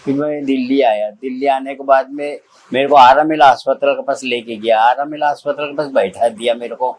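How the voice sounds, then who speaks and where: An older man from central India, an old age home resident, telling his own life story in a halting, simple way with many repetitions. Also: mid-range voice, fairly even intonation, darkish tone, rough recording. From Nagpur, India. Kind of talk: personal testimony in an interview.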